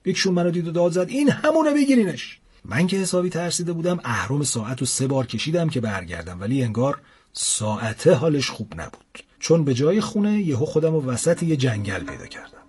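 A young man narrating a comic first-person adventure in a casual, lively storytelling manner. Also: fairly high pitch, slightly rough. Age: young adult.

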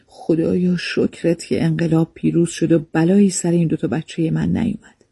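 A man reading the lines of a worried, tender old mother in a storybook, in a husky, dark voice. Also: on the high side, little pitch movement, no room sound, clean studio sound. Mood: fretful.

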